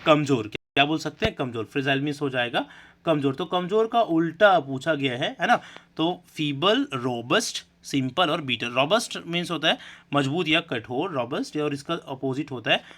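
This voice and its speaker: Male grammar tutor, bright and slightly high, reads questions slowly, explains in a conversational, checking-in manner. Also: animated. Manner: reads English questions slowly, then explains in Hindi with frequent "है ना" and "ठीक है". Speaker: English grammar teacher. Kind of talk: exam-prep lesson explaining multiple-choice questions.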